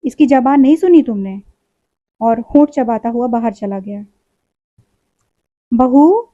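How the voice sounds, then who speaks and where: High-voiced woman reading a story. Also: no echo. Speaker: story reader. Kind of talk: literary story narration. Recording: dull lo-fi recording.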